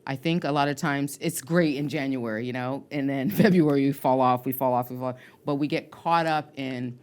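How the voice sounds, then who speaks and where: A woman's voice: rumbling low, fairly quick, darkish tone, clean tone. A woman co-hosting a podcast in casual chat, earnest and repeating points for emphasis. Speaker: podcast co-host, fitness professional.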